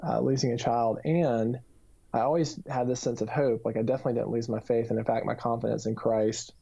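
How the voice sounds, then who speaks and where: A man's voice: mid-range voice, level tone, brisk, creaky, mellow, husky. A man in his thirties gives an earnest, reflective personal testimony in an interview, with frequent fillers. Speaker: author and youth minister. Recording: dull lo-fi recording.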